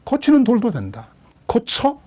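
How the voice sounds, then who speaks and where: Husky, animated preaching pastor. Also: male voice, extremely high pitch, moderate pace. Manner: lively, questioning the congregation, dramatic quoted voices. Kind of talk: expository sermon.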